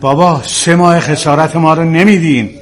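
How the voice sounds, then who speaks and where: A man's voice: a little high, fairly even intonation, lightly acted. An actor playing a frustrated male client who complains insistently about a delayed payout, in a TV drama.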